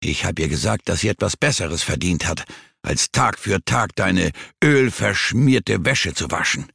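A man's voice: low voice, animated, measured pace, vocal fry, fairly bright tone, slightly rough, dry recording, clean studio sound, heavily acted. A man doing a scornful, violent thug. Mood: menacing. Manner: mocking, cutting, threatening.

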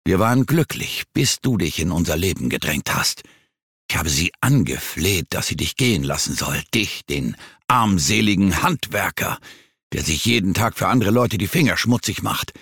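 A man's voice: low voice, lively intonation, normal speed, a bit bright, slightly rough, dry recording, studio quality, heavily acted. A man voicing a scornful, threatening younger man in an audiobook thriller, his delivery mocking and cutting. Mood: menacing.

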